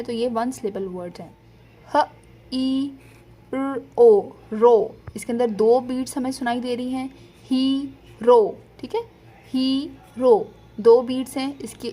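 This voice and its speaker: A woman teaching a phonics lesson, slowly sounding out words syllable by syllable and checking in with her listeners. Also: a little high, creaky, slight background noise. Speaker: teacher presenting a parenting channel. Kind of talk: phonics lesson in mixed Urdu and English.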